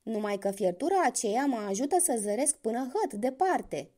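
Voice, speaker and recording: A woman voicing a clever young male hunter in a spoken fairy tale, calm, sly and commanding. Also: a little high.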